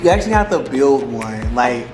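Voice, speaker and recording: A man's voice: medium pitch, sing-song, normal speed, noisy background. A man talking casually to camera in slangy, rambling speech, repeating phrases for emphasis as he gives advice. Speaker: vlogger giving relationship advice. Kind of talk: casual mukbang chat to camera. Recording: roomy echo with music behind. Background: music.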